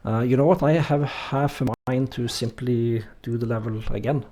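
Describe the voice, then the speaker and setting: A mid-range voice at a moderate pace belongs to this Norwegian-accented man streaming a game. His casual chat with viewers is relaxed and hesitant, filled with fillers, and he reads the chat out loud.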